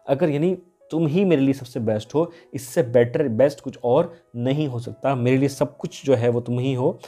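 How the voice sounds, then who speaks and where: A man teaching a poem lesson, reading verse lines slowly and explaining them, repeating key terms. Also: medium pitch, warm tone, soft background music.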